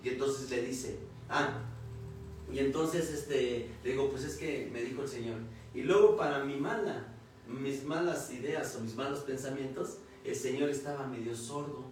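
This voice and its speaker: A man's voice: medium pitch, moderate pace, a little mellow, a little hiss or hum. A young man preaching a sermon, telling a personal testimony and acting out the dialogue, then building to emphatic repeated phrases. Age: young adult. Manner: storytelling, acts out dialogue, builds to emphatic repetition. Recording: echoey room, far from the mic.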